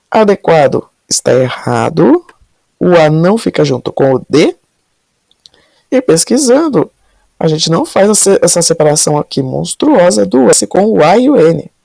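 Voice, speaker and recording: A woman's voice: sits low, creaky, dark tone, dry recording. A woman Portuguese teacher working through exam questions step by step, asking and answering her own questions as she explains.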